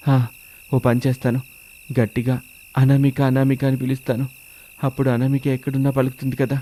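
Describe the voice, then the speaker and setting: A man's voice: mid-range voice, fairly even intonation, brisk, warm tone, slight background noise, natural voice. A man voicing an anxious young husband who urgently talks to himself while searching for his wife. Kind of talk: storybook drama acting.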